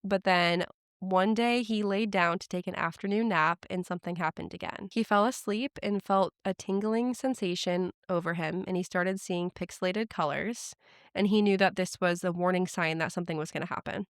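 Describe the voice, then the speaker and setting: Clear-voiced woman host telling a story. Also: on the low side, moderate pace, no echo, studio quality. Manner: chatty retelling with frequent "like" fillers. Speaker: podcast host. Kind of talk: casual storytelling chat.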